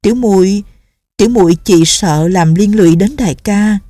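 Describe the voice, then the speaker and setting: A woman's voice: mid-range voice, moderate pace, warm tone, no room sound, natural voice. A woman voicing a timid, tearful young nun girl who pleads anxiously and stammers. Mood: anxious pleading.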